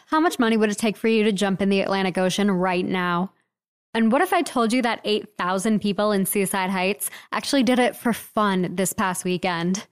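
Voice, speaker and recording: A woman's voice: medium pitch, smooth. A young woman hosting a short news podcast, reading a script in a playful, wry way with jokey asides.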